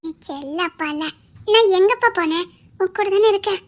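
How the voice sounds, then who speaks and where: A young woman's very high voice pleads gently with her father to stop crying. She speaks in a soothing, tender way, in a TV serial drama. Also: normal speed. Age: young adult. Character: loving grown daughter consoling her father. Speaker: daughter. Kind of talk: TV serial acting.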